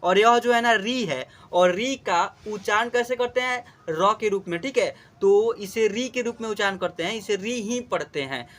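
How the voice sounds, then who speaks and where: A man gives a patient alphabet lesson to children, explaining each vowel mark step by step. His voice sits high and sounds bright and forceful. Now and then he chants syllables loudly so the students can repeat them. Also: moderate pace, hardly any pauses. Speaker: teacher.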